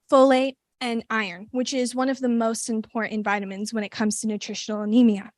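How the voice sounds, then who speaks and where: A teenage girl from Southern California walks through her section of a student health presentation. Her voice sits a little high, and she reads her prepared points steadily. The sound is close and dry, with no room around it. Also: no room sound. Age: teens. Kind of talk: scripted group presentation.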